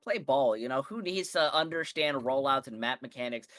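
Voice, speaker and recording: A man's voice: mid-range voice, animated, normal speed, a bit bright, soft background music. A man casting a live video game match, rambling and playful with lots of fillers. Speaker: esports caster. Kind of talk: casual live game commentary.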